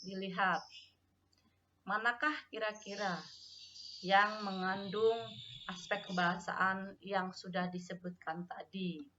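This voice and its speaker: Bright-voiced woman teacher, patient lesson. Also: mid-range voice, fairly even intonation, slow pace, long pauses, slight background noise. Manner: patient, addresses students, asks questions, repeats key terms. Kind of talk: classroom lesson. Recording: dull lo-fi recording.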